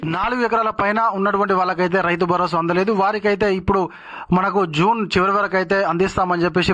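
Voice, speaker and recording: A man hosting a news update channel, talking in a rapid, filler-heavy way with frequent restarts. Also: sits high, fairly bright tone, lo-fi sound.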